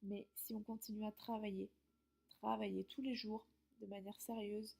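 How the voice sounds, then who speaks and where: A woman English teacher explains study tips to her students in a friendly way, pausing now and then. Her voice is mellow and husky, with a gravelly edge. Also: mid-range voice, level tone. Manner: friendly, explanatory, some hesitations. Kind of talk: giving study tips to camera.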